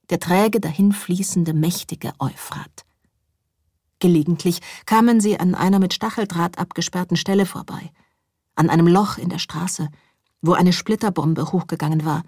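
Woman, audiobook narration, calm, measured, hushed, husky, dry. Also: medium pitch, no echo.

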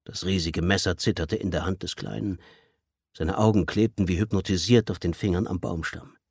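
A man narrating a tense audiobook with expressive storytelling. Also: deep voice, moderate pace, vocal fry, breathy edge, no room sound, studio quality. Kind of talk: audiobook reading.

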